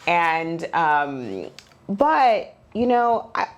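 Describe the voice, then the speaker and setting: A woman in her forties, from Nigeria, talking as a podcast guest in her own home. Her voice sits low, and she speaks candidly and reflectively. Her phrasing stays loose and conversational, full of small fillers. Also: very animated, extremely slow. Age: 40s. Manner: reflective, open, loose with many "like"s.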